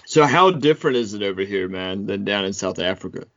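Friendly American podcast host, lo-fi. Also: male voice, on the low side, lively intonation, fairly quick, a bit bright. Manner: friendly, says man often. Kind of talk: casual podcast interview. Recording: dull lo-fi sound.

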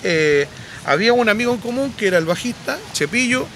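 A man, a podcast guest and musician, telling anecdotes casually with lively restarts. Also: high-pitched, brisk, a little hiss or hum. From Chile. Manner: animated anecdotes, frequent restarts. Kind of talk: casual storytelling.

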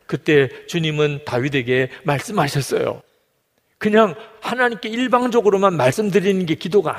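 A man's voice: on the high side, in a large hall. A male pastor preaching a sermon in a church, emphatic and full of rhetorical questions.

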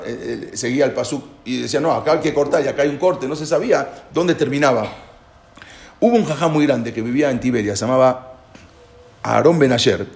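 A man's voice: medium pitch, darkish tone. A man giving an informal lecture, explaining with questions to his listeners and often repeating and restarting phrases. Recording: echoey room with faint background noise.

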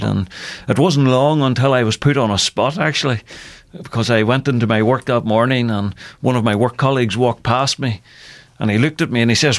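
A man from Northern Ireland, a ministry worker, gives earnest personal testimony as a guest in a radio studio. His mid-range voice has vocal fry with no room sound, and he repeats phrases for emphasis.

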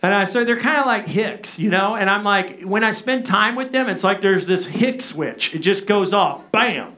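A man's voice: sits high, lively intonation, moderate pace, bright, forceful tone. A man preaching a sermon as a pastor, emphatic, leaning on rhetorical questions and repetition. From Arkansas, United States.

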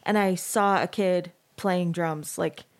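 A woman in her thirties hosts a podcast, chatting casually and rambling, with lots of fillers and restarts. Her voice is lowish and fairly even in intonation, and she speaks slowly.

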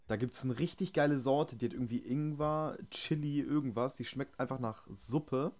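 A man's voice: medium pitch, a little mellow. A man, joking around in crude, slangy casual banter as a podcast co-host. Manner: slangy, joking, drawn-out delivery.

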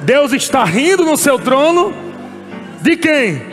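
A man preaching a sermon as pastor, animated and often shouting and laughing, at a church service. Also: very high-pitched, slow. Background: music.

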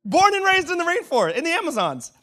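A man in his thirties from Brazil, preaching a sermon told through animated, humorous personal stories. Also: extremely high pitch, fast talker. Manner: animated, humorous storytelling with laughs.

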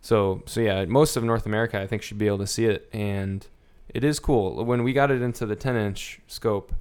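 Male podcast co-host, relaxed chatter, low and smooth. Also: brisk. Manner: easygoing, laughs often, trails off with ums. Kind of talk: casual chat.

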